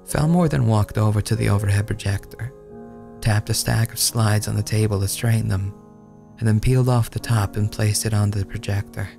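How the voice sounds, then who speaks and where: A man narrates a dark first-person tale in a low voice with a crackly, gravelly edge. His delivery is brooding and hushed, halting for dramatic pauses. Music plays clearly underneath. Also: steady tone. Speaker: narrator reading a horror short story. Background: background music.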